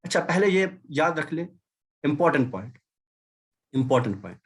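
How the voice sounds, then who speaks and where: A man's voice: on the high side, big pitch swings, normal speed, husky. A man teaching an Arabic class over a video call, explaining patiently and repeating key words, with English mixed in. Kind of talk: online class lecture.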